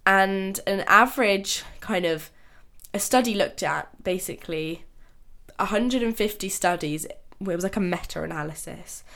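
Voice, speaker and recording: Speaking a little slowly in a mid-range, creaky, fairly bright voice, a young woman chats informally on her own podcast. Illness makes her nasal, and she laughs often and restarts her sentences.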